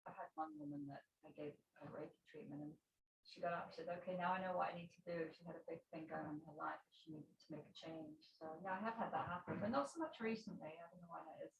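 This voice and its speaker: A woman's voice: on the low side, animated, quick pace, creaky, lo-fi sound. A woman who works as a body worker, talking hesitantly with many fillers in a casual group discussion. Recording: echoey room with faint hiss.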